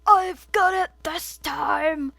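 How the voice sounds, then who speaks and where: Goofy male warrior, sly mutter, slow, woman voicing. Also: high voice, fairly bright tone, no room sound. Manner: muttering, gleeful.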